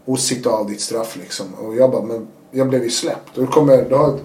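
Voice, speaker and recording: A man telling his own story in casual conversation, animated and acting out what people said. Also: mid-range voice. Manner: animated, acts out quotes. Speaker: guest. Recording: roomy echo.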